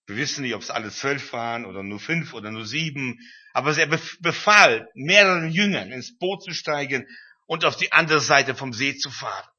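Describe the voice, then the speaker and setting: Guy giving a chatty sermon, husky bright voice, muffled lo-fi sound. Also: medium pitch, expressive, moderate pace. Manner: retells scripture in a conversational tone, with many fillers. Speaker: preacher. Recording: dull, lo-fi recording.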